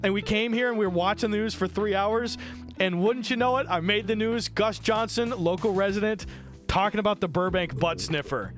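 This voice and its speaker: A man live-streaming from home, telling a wild story in an excitable, profane rush and tossing in quick voices for other people. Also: high voice, soft background music.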